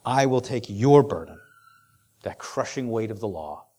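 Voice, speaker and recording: A man preaching a sermon, rising to loud urgent passages and dropping to hushed, near-whispered quotations. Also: fairly low pitch, lively intonation, measured pace. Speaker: pastor.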